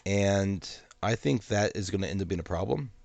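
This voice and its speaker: A man hosting his own channel, giving a measured, cautionary solo commentary while congested from a sinus infection. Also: deep voice, gravelly, darkish tone, no echo.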